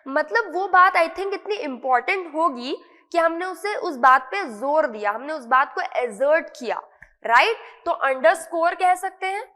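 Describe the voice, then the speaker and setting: Indian lady teacher, pretty high voice, explains words and keeps asking "right? clear?", some long room echo. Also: expressive, unhurried, bright, forceful tone. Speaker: English vocabulary teacher. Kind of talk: online lesson explaining words.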